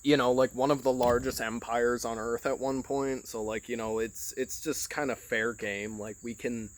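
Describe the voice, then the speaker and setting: He's a podcast host from Michigan whose medium-pitched voice stays steady at a normal speed. Recorded on a phone, his monologue drifts around, full of swearing and constant "like" and "you know."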